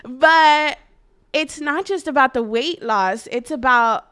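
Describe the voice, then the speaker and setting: A woman's voice: high-pitched, slow, fairly bright tone, smooth. A woman in her twenties talking earnestly and reflectively in an interview, often saying "like.". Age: 20s. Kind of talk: candid personal interview.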